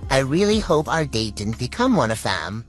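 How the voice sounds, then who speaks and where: Woman with a deep pitch-shifted voice. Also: big pitch swings, soft background music. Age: 30s. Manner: halting, with frequent "um" pauses. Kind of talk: casual storytelling to viewers.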